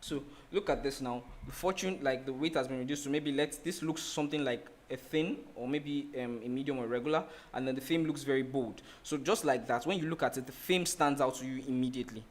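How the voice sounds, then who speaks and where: A man's voice: mid-range voice, brisk, hardly any pauses. A man teaching a design lesson over a screen share. He explains in a loose, rambling way, restarting sentences and leaning on "like" as he thinks. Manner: rambling, with many restarts and "like" fillers. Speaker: design instructor.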